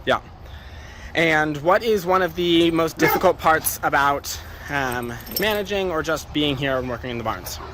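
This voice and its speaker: A man's voice: on the high side, moderate pace, a bit bright. A man hosting a casual on-location interview inside a barn, asking questions in an informal way. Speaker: host interviewer. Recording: noisy barn with animal sounds. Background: animals and farm noise.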